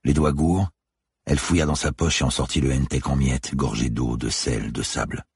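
Brief: very low, gravelly male reader with a husky edge, dry close mic, somber thriller narration. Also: fairly even intonation, moderate pace, no echo. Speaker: audiobook narrator.

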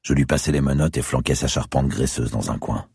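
A man reading a first-person thriller audiobook in a grim, measured way. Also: very deep voice, vocal fry, darkish tone, breathy edge, no echo, clean studio sound. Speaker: audiobook narrator. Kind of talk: scripted thriller narration.

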